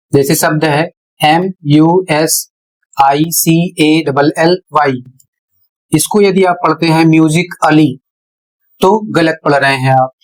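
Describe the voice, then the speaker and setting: A man's voice: a little high, low-quality recording. A man teaching English pronunciation at a board in a classroom-style lesson. He spells words out letter by letter and poses questions that he answers himself.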